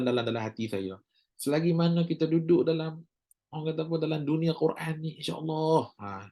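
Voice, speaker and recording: A man's voice: fairly high pitch, a little mellow. A man with a Malaysian Malay accent teaching a recorded recitation class, chatty and joking, drawing out sounds to model them. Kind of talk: casual recorded class lecture.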